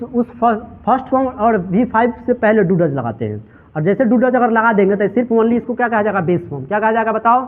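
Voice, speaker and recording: Man, high voice, English teacher, drills students with repeated questions, tinny phone-like recording. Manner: mixes Hindi and English. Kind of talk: classroom translation lesson.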